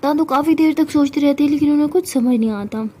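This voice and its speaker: A woman's voice: high voice, fast, dark tone. A woman telling a love story in a chatty, conversational way, voicing every character herself. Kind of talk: casual spoken storytelling.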